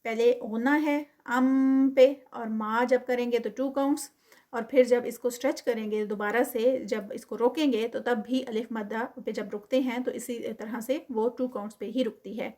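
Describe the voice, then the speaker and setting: A woman's voice: a little high, steady tone, darkish tone. A woman with a Pakistani Urdu accent teaching Quran recitation, who draws out each example word in recitation and then explains it carefully, mixing in English terms.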